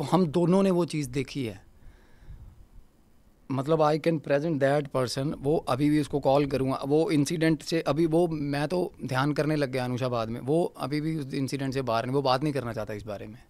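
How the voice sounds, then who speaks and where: A man's voice: a little high, a little mellow, no echo. Male podcast guest, vivid storyteller, repeats lines for weight, dry close sound. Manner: vivid storyteller who repeats phrases for emphasis; mixes English words into his speech. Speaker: guest paranormal researcher. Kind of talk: recounting a ghost encounter in a podcast interview.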